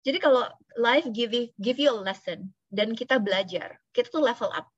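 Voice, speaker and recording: A woman's voice: a little high, expressive, normal speed, slightly rough, no echo, muffled recording. A woman, an insurance agent giving a casual motivational talk, chatty and slipping in English phrases. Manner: chatty, mixes in English phrases, laughs now and then. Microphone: video call.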